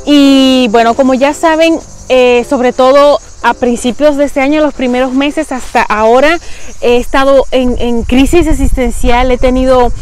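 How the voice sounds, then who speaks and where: A woman's voice: high-pitched, clean tone. A Dominican woman in her late twenties with a Dominican Spanish accent, sharing earnest, heartfelt reflections in a personal vlog, recorded outdoors in a garden on a lapel mic. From Dominican Republic. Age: 20s. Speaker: vlogger.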